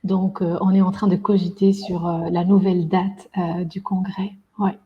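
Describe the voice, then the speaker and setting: A woman's voice: fairly low pitch, little pitch movement, normal speed, highs cut off. A woman, a guest on a podcast, talking at length with frequent hesitations and fillers. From Belgium. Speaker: guest, event organizer. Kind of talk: podcast interview.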